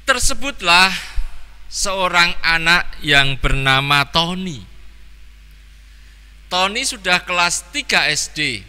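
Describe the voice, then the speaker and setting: Slow bright-voiced preacher in a hall. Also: male voice, sits high, expressive, clean tone. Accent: Javanese-influenced Indonesian. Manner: slow, deliberate, talks to children. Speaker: pastor. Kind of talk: sermon with storytelling. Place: church.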